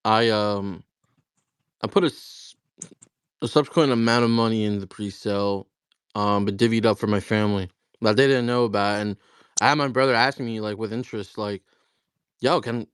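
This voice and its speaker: A man's voice: lowish voice, moderate pace, clean tone, dry recording. A man chatting casually, a founder telling stories and acting out both sides of a conversation, full of slang like bro and dude and frequent swearing. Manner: slangy and profane, addressing listeners as bro and dude. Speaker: crypto project founder. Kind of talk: casual chat on a live audio space.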